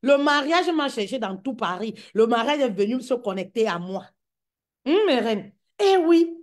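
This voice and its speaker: A woman with a bright, high voice coaching female entrepreneurs. She preaches in an emphatic, repetitive way, hammering each point home and calling her listeners queens and mama. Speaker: business coach. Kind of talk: motivational talk to women.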